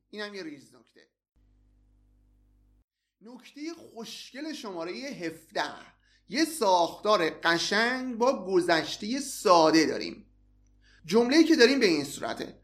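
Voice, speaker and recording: A man teaching English in a recorded lesson, explaining patiently and saying example phrases slowly and repeatedly. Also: high voice, a bit bright.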